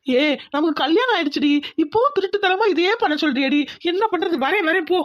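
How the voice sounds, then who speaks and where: A woman's voice: very high-pitched, animated, brisk, muffled recording. A woman voicing a teasing young cartoon husband. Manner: teasing, joking. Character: easygoing young husband, village man.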